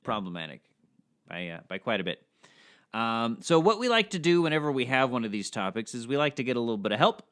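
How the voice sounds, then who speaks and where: Lively, smooth-voiced male podcast host. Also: medium pitch, fast talker. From Scottish-Irish family heritage. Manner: joking, rambling with frequent fillers and restarts. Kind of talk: casual comedic chat.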